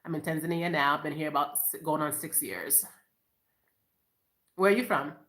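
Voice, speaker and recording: Live streaming from her bedroom, this upbeat Boston woman with five kids talks casually to her audience, laughing a lot and addressing them as "you guys." She has a low-pitched, slightly bright voice at a moderate pace, with an echoey room sound.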